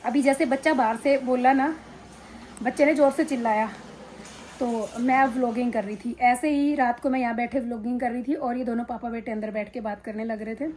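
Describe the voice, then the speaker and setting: In a casual to-camera vlog from her drawing room, a middle-aged woman holds her phone and talks frankly, rambling with plenty of fillers. Her fairly high, darkish voice is brisk with fairly even intonation, and the rough recording has slight background noise.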